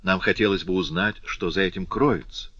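A man's voice: deep voice, steady tone, moderate pace, a bit bright, husky, no room sound, highs cut off. A man voicing a prim, inquisitive old spinster aunt who fusses and coaxes. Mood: coaxing. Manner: fussing, coaxing and exclaiming.

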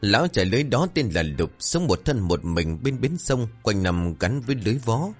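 A man narrating a horror story in a dramatic, expressive way. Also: lowish voice, a little fast, faint music behind.

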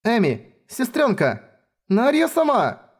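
A man's voice: a little high, animated, normal speed, a little mellow. Brave, earnest young swordswoman in an audiobook, voiced by a male reader in a lifted, girlish register. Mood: calling out.

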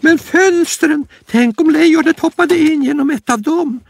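A man's voice: very high-pitched, vocal fry, a little hiss or hum, voice pushed up. A man voicing a timid young male rabbit in a storybook reading, talking in a fretful, fearful way.

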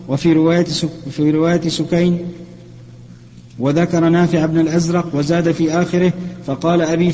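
A man reads a classical text aloud in a lesson, his voice somewhat high and mellow. He keeps a flat, even recitation and corrects the odd slip as he goes. The recording is dull and lo-fi, with a long reverb from a big hall. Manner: steady, even recitation with small self-corrections. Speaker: student reading the text aloud for the sheikh.

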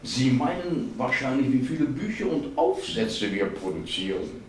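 A man reading aloud gives voice to a calm office colleague with a dry, quietly teasing amusement. He sounds distant from the microphone, his words ringing through a strongly reverberant hall. A faint hum of ambience lingers beneath. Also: medium pitch, moderate pace, voice pushed up, lightly acted. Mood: amused. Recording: echoey hall, voice far from mic.

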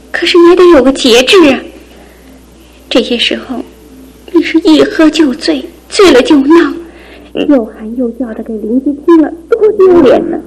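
A woman's voice: high voice, a little mellow, lightly acted, rough recording. An actress playing a long-suffering wife and mother in an emotive, theatrical radio drama style.

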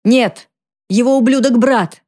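Drunk frantic mom as a woman reads her, slurring, swings from muttering to yelling, low mellow voice. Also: moderate pace, natural voice. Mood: screaming. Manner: slurred, lurching between mumbling and shouting. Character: drunk distraught mother, middle-aged woman. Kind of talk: audiobook character reading.

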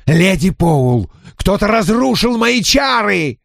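Man doing a shrill fairy spirit, haughty, murderous, high-pitched, theatrical, swinging pitch. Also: big pitch swings, unhurried, vocal fry, no room sound, studio quality, exaggerated voice. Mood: furious. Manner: theatrical, exulting, shouting in rage. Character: haughty cruel male fairy spirit, gleeful killer.

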